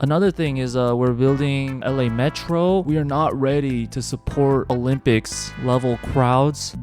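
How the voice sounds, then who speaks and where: An American man in his twenties gives an informal rant to viewers. His voice sits at a medium pitch, and he drops in exasperated, sweary asides. Plucked guitar music plays clearly behind him. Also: a little mellow. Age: 20s. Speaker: video host. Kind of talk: casual opinion rant to viewers.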